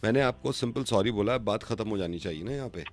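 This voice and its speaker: A man hosting a radio prank call, switching between begging apologies and loud scolding. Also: fairly low pitch, fast, faint music behind. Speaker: radio host making prank calls.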